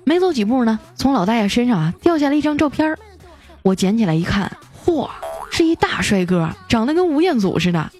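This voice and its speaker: Lively woman telling comic jokes. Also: a little high, fast talker, soft background music. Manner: animated, playfully acts out the people in her jokes. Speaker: radio show host. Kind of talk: comic joke storytelling.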